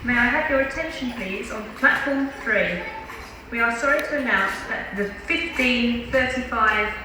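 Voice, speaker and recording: A woman's fairly high voice makes a station loudspeaker announcement in a measured, formal cadence. She is heard from a distance with a long, echoing reverb, and platform noise fills the background. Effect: station public-address loudspeaker announcement. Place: railway station platform, outdoors. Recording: echoey loudspeaker from far off on a noisy platform.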